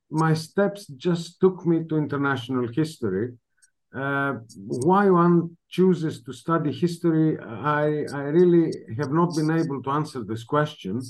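A man's voice: a little high, a little slow. Hesitant Greek-accented male professor. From northern Greece. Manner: hesitant, many fillers and restarts. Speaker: history professor guest. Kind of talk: reflective interview answer.

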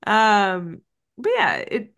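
A woman's voice: mid-range voice, wildly swooping pitch, extremely slow, gravelly, a bit bright. A woman in her thirties co-hosting a casual movie podcast, rambling with lots of "like" and "um". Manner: rambling, filler-heavy, frequent "like". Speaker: podcast co-host. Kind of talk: casual movie recap chat.

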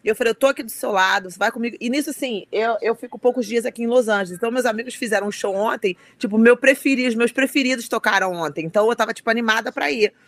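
Brief: woman, rapid animated storyteller, dry close sound. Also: fairly high pitch, dry recording. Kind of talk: casual chat.

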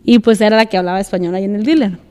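A woman telling a story in a relaxed podcast chat, laughing often and slipping English words in. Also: mid-range voice, rapid-fire, smooth, in a large hall. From United States. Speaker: podcast guest, escaramuza rider.

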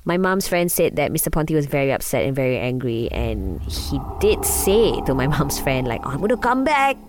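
A young woman, hosting a storytelling podcast and telling a personal story in an animated, casual way. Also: very deep voice, normal speed. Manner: animated, addresses listeners as guys. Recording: music playing behind.

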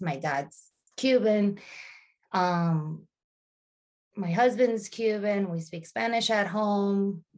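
A woman in her thirties with a mid-range voice appears as a podcast guest, speaking thoughtfully in casual conversation. She restarts often and uses plenty of fillers.

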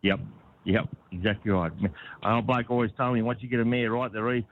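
A man's voice: lowish voice, steady tone, brisk. A man with an Australian accent chatting casually in an interview as a horse trainer, rambling and laconic, often repeating himself. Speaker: harness racing horse trainer being interviewed. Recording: tinny phone line with clear noise.

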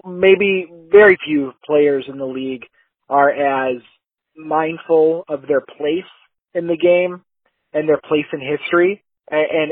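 A man on a podcast, talking fast and emphatically with plenty of fire. His voice sits a bit high and sounds husky. It comes through a tinny, phone-like line with no room sound. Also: no room sound. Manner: fired-up, emphatic predictions. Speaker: podcast co-host. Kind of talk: sports podcast chat.

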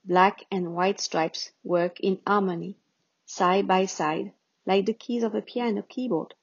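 A middle-aged woman reads her poem slowly and deliberately, her voice a little husky. The sound is dull and lo-fi, and the room is dry and close. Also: medium pitch, fairly even intonation, no echo. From France. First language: French. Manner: slow, deliberate recitation. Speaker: poet. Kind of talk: poetry reading with introduction. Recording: dull lo-fi recording.

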